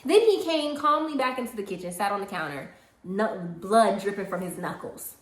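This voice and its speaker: A woman telling a personal story in casual chat, animated and laughing, acting out the people she quotes. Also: mid-range voice, moderate pace. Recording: roomy echo.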